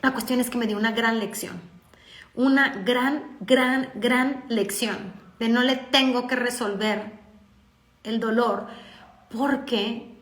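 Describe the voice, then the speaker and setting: A woman's voice: fairly high pitch, takes it slowly. A woman with a Mexican accent, telling a family story in a talk for parents and acting out the dialogue. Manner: lively, acts out dialogue. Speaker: parenting speaker. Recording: echoey room.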